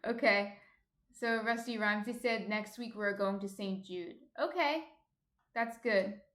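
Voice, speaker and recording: In an echoey room, a woman with a slight New Jersey accent chats through her baking livestream, reading out viewer comments and thinking aloud as she cooks. Her voice is medium-pitched, unhurried, and fairly bright.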